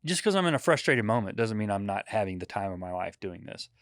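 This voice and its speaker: A man's voice: on the low side, very animated, fast, no room sound, studio quality. A man in his forties, a podcast guest chatting casually, who tells rambling stories and laughs often. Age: 40s. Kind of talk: casual chat.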